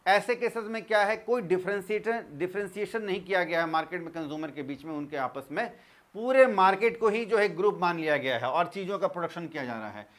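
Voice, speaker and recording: A man teaches a commerce class in a fairly high voice. He reads English points slowly, then talks them through in Hindi with plenty of fillers. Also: lively intonation, fairly bright tone. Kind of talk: Hindi-English lecture explaining notes.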